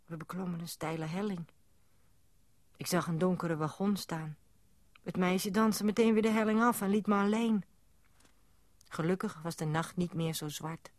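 Quiet woman narrating a storybook. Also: lowish voice, no room sound. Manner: calm, quiet, measured. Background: music.

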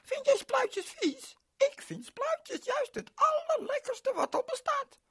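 A man's voice: extremely high pitch, big pitch swings, slow, a bit bright, voice pushed up, exaggerated voice. A man voicing a cheerful, chatty little girl who swaps her r sounds for l in a children's story. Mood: eager.

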